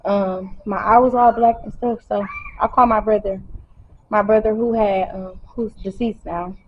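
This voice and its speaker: A woman speaks to camera about her own experience at normal speed, her mid-range voice steady in tone. Though emotional and fighting back tears, she talks in a casual, colloquial, direct way. The sound is dull and lo-fi with slight background noise.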